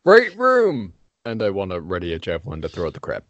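A man's voice: low-pitched, rapid-fire, no echo, dull audio. A man taking part in a tabletop game as a player, casual and joking.

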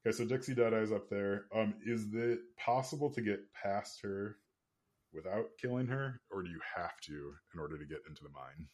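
Man, low voice, casual podcast game master, thinking out loud. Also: brisk.

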